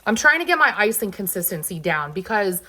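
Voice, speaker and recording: Brisk and sing-song, this mid-range female voice has a sharp tone and a Southern US accent. Hot, sweaty and sniffly from allergies, the vlogger chats casually about her grocery haul, rambling through loose fillers and asides.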